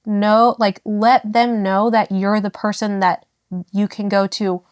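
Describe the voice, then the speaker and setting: A young woman talks openly as a guest, her voice sitting at a middle pitch. She speaks in halting, emotional bursts, restarting phrases and leaning on fillers. The sound is dry and close, with no room around it. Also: flat delivery, no room sound. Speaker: podcast guest. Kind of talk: candid personal conversation.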